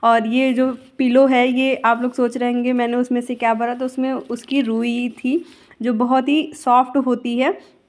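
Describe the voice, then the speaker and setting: A woman's voice: on the high side, level tone, measured pace, darkish tone. Chatty woman teacher narrating her vlog. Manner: chatty, rambling, self-correcting. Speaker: school teacher. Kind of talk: casual vlog voice-over.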